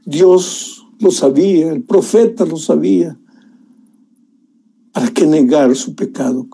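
A man's voice: a little high, slow pace, creaky, mellow, slightly rough. A man preaching a sermon, telling the story emotionally and addressing the listener as dear one.

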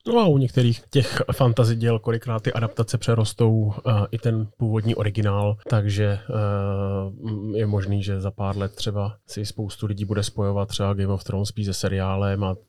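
Low, monotone man on a podcast. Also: dry recording, clean studio sound. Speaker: podcast co-host. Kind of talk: casual podcast chat.

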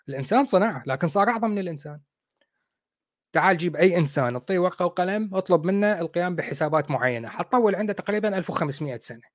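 An Iraqi man hosts a livestream commentary, talking fast and with open sarcasm. His voice sits a little high. The sound is close and dry, with no room echo. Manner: sarcastic, mocking. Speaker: host.

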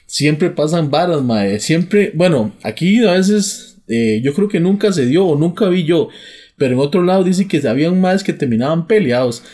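Costa rican dude hosting a podcast, fairly high voice, lots of slang, laughs a lot. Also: male voice, expressive, moderate pace, mellow. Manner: slangy and laughing, filler-heavy. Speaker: podcast host. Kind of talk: casual chat.

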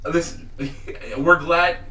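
A man's voice: on the high side, fairly even intonation, slow, sharp tone, echoey room, recorded from a distance, rough recording. A man hosting a casual chat podcast, talking in a laid-back, rambling way and laughing often. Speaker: podcast host.

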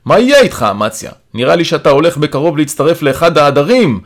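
A stiff, dismissive cop who talks up high and loud, all rules and routine, as a male reader acts him out. He sounds clipped and unmoved in this storybook drama, lifted well above the reader's own voice. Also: very animated. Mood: brusque. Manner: raised, brusque, matter-of-fact. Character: cold, dutiful male policeman, dismissive.

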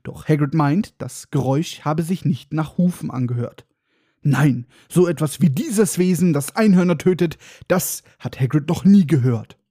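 A man's voice: a little high, moderate pace, warm tone, slightly rough, dry recording, studio quality. A man hosting a casual book podcast, recapping chapters with sarcastic, irreverent asides. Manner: sarcastic, irreverent, mock-dramatic. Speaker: podcast host.

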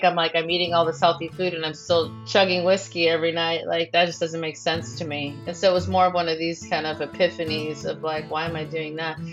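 A middle-aged bereaved mother speaking frankly in an interview, halting with lots of fillers. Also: on the low side, fairly bright tone, lo-fi sound. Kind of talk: candid personal interview.

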